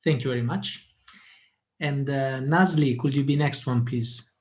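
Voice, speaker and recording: A man's voice: mid-range voice, unhurried. A man moderating an online meeting, politely calling on each participant in turn with brief prompts. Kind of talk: calling on participants in a video call. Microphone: video call. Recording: dull lo-fi call audio.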